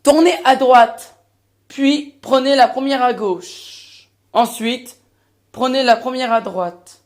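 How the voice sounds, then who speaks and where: A man imitating a car navigation voice giving slow, deliberate directions in a comedy sketch. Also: very high-pitched. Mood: flat.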